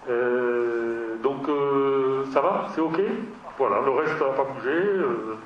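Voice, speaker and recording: A man's voice: mid-range voice, slow. A man chairing a town council meeting, talking hesitantly with many fillers and restarts. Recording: echoey room, mic far off, dull sound, faint noise.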